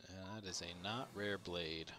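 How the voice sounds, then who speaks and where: A man's voice: deep voice, steady tone, a little slow. A man giving casual, wry running commentary while streaming a video game, reacting aloud to each result.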